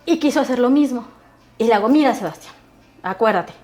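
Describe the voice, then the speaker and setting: A woman's voice: on the high side, faint music behind. A woman, a guest telling stories about her son in a casual conversation, acting out the dialogue as she goes. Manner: fast animated storytelling, acting out dialogue.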